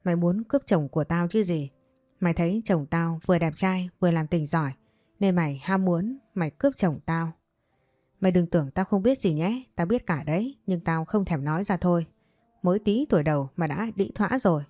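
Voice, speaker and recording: A coarse, contemptuous middle-aged mother hurls accusations, read by a woman narrator. The voice sits low and mellow. Recorded dry, with faint music beneath. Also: fairly quick, no room sound, natural voice. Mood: scornful.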